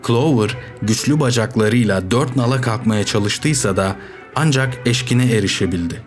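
A man's voice: medium pitch, faint music behind. Man narrating an audiobook. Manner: steady, measured storytelling. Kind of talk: scripted narration.

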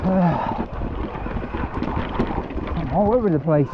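Guy talking while he rides a bike trail, high voice, laughs a lot, kinda muffled camera audio with some wind. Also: animated, slow pace. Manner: laughing, joking, thinking out loud. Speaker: vlogger riding a mountain bike trail. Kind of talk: casual chat while riding. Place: wooded mountain bike trail outdoors.

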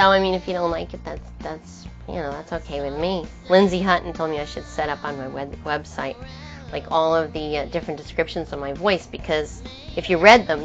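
A woman singer-songwriter talking casually in an interview, rambling with frequent restarts and trailing thoughts. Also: sits low. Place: in New York. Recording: muffled lo-fi film sound. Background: guitar music underneath.

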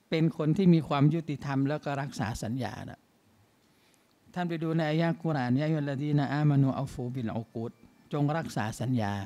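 A man's voice: on the high side, darkish tone. A man giving a mosque sermon as imam, in a conversational way full of rhetorical questions.

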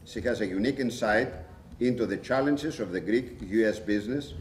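A man's voice: fairly low pitch, fairly quick. An older man moderating a panel and formally introducing each speaker to the audience. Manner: formal, emcee-style introductions. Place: large restaurant function room. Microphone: table mic on a stand, camera at a distance. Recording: roomy, distant, faint room noise.

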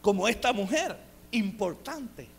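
Pastor guy preaching live in church, really high voice, swings all over, gets loud. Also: animated, unhurried, gravelly, slightly rough. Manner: impassioned preaching that swells to shouting. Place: church sanctuary.

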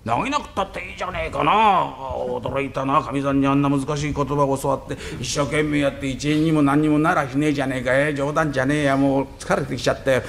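A man's voice: high voice, animated, fast, a little hiss or hum. An older man voicing a hungry, dim-witted poor man who grumbles and fumbles his words. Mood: weary grumbling. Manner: grumbling, muttering, clumsy with words.

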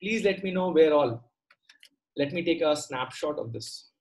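A middle-aged male teacher speaks with a South Indian accent in a moderately high voice. He explains things step by step in a conversational way, often repeating a phrase and stopping to ask short questions of his students. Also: animated, unhurried, darkish tone. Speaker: maths teacher. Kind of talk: online lesson, explaining step by step. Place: indoor room, online class on a computer.

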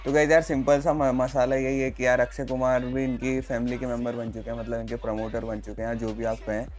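Young male vlog host, easygoing and talkative, ordinary mid-range voice over soft background music. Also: medium pitch, little pitch movement, brisk. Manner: chatty, addresses viewers as guys, frequent filler sounds. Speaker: tech channel host. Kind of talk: casual vlog talk.

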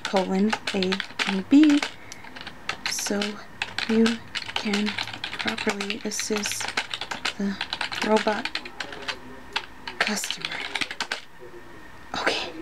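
Over a very noisy recording, a woman of medium pitch draws out her words and pauses often. She's an ASMR roleplayer playing a flustered, unprepared student on a quiz, muttering hesitantly to herself, repeating words and frequently dropping into whispers.

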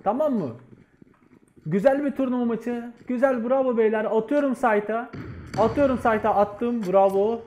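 A man leading his team, shouting quick commanding callouts during a match. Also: very high voice, lo-fi sound, a little hiss or hum. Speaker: team leader and streamer. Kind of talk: live game commentary and callouts.

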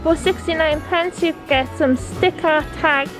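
A high-voiced, measured Geordie woman from Newcastle upon Tyne chats enthusiastically as she shops, reading prices aloud for a casual shop-with-me vlog. She's a family vlogger filming on a handheld camera inside a large discount store, with shop music and crowds of shoppers audible behind her.

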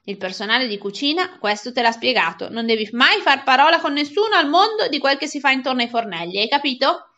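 A woman's voice: high-pitched, very animated, brisk, few pauses, pushed and bright, exaggerated voice. A woman reading aloud and voicing a crafty, bossy male school cook who scolds his helper. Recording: dull lo-fi recording.

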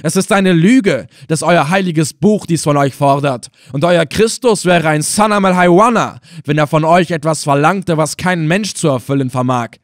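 A man's voice: mid-range voice, normal speed, no echo, studio quality, lightly acted. A man voicing a bitter, scornful prisoner. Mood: angry, scornful. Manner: heated, raised and forceful. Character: angry suspicious male prisoner, bitter and scornful.

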